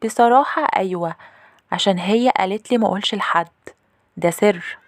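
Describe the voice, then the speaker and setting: A woman voicing a stubborn, defensive young girl in a high, childish voice. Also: brisk, no echo, clean studio sound, natural voice. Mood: secretive. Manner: high childish pleading, bursting into shouts.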